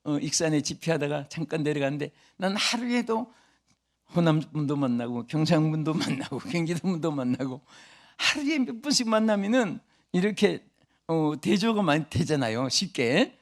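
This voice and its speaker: An older male pastor delivers a revival sermon in a fairly high voice. He swings from booming, emphatic declarations to light, chatty asides aimed at his congregation. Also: big pitch swings, normal speed.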